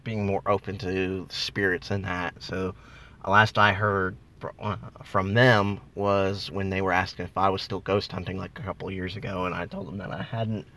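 A man's voice: low voice, flat delivery, moderate pace, pushed and bright. A man casually telling ghost-hunting stories, rambling with many ums and likes, recorded in a parked car. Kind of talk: casual ghost story chat.

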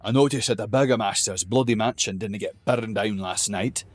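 A man doing a gruff, grumbling dwarf general. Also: lowish voice, moderate pace, lightly acted. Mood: grumpy. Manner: grumbling, blunt. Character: gruff grumpy battle-worn male dwarf general.

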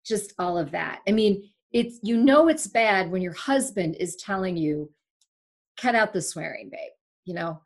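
Through a remote-call microphone, a mid-range female voice speaks a little slowly. The speaker, a Sri Lankan woman in her forties and longtime broadcaster and podcast host, is a guest in a casual interview, sharing stories with emphatic candor and animation.

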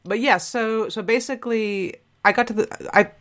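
A woman's voice: fairly high pitch, steady tone, moderate pace, fairly bright tone. A woman in her forties, from Spain, chatting casually on a podcast in a rambling, self-interrupting way. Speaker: podcast co-host. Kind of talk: casual conversational chat.

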